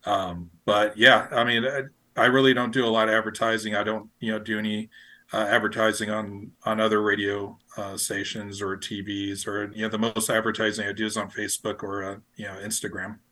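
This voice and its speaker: A man with a lowish voice chats casually in a podcast-style interview as a radio station operator, rambling and repeating phrases while searching for words. His tone is level and sharp, and he speaks briskly.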